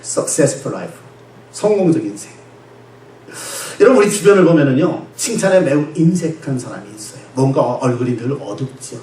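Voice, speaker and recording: A male pastor delivering a Sunday sermon, animated and laughing, who asks the congregation questions and answers them himself. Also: medium pitch, moderate pace, slight background noise. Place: church sanctuary. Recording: echoey church sanctuary, distant mic.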